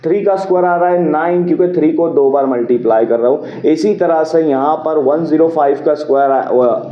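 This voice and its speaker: Patient male maths teacher, roomy lo-fi. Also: a little high. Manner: patient, repeats key steps, asks and answers own questions. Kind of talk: explaining a maths problem. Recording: roomy, dull lo-fi sound.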